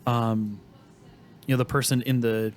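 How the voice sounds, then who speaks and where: A man's voice: medium pitch, flat delivery, unhurried. A man co-hosting a podcast, explaining studio history with many restarts and fillers. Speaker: podcast co-host. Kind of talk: casual chat.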